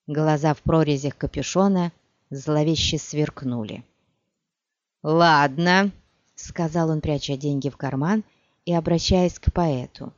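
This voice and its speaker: Slow male audiobook narrator. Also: on the high side, dark tone, no room sound, dull audio. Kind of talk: scripted fantasy narration.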